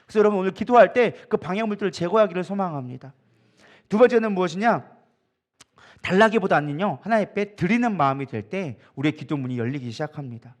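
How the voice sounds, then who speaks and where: A man preaching as a pastor, telling stories with a joking, animated manner and acting out what others said. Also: high voice, fast talker. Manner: animated, joking storytelling with acted quotes. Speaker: co-lead pastor. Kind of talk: sermon at an evening prayer meeting. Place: church sanctuary.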